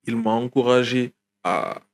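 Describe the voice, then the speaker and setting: A young rapper from Guinea talks casually as an interview guest, with many fillers and restarts. His voice is mid-range and his pace measured.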